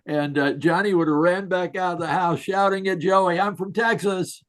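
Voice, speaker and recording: A man's voice: high-pitched, fairly even intonation, moderate pace. A man giving a folksy, storytelling leadership talk to an online group, chuckling and asking rhetorical questions. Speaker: leadership speaker. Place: online video session.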